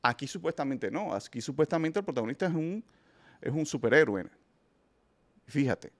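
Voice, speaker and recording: A man's voice: on the high side, lively intonation, normal speed. A man hosting a film review show, giving opinionated casual commentary and speaking emphatically to his listeners, often restarting his sentences. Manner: emphatic, addresses listeners directly, frequent restarts.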